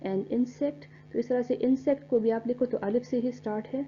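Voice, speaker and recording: A woman teaching an English grammar lesson, explaining step by step and spelling words out letter by letter, reading English examples slowly. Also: on the high side, mellow. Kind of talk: recorded classroom lecture. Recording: dull lo-fi recording with faint hum.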